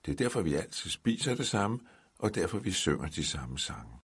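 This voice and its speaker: A man voicing a dry, deadpan uncle who speaks with mock gravity. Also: deep voice, slightly rough, heavily acted.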